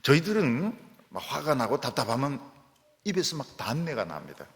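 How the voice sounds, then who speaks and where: A man preaching a sermon as a pastor, in an animated, dramatic storytelling manner, with long church hall reverb. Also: medium pitch, moderate pace, gravelly. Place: church sanctuary.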